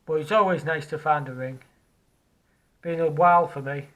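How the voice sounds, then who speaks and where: A man's voice: fairly high pitch, steady tone, moderate pace, fairly bright tone, dull audio. A man outdoors on a beach, chatting casually about his metal detecting finds in a musing, hesitant way, often repeating words.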